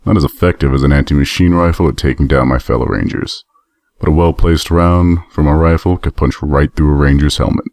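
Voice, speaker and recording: A man playing a grim, very deep armored pony veteran. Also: steady tone, a little fast, darkish tone, dry recording, studio quality. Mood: somber. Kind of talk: audiobook role reading.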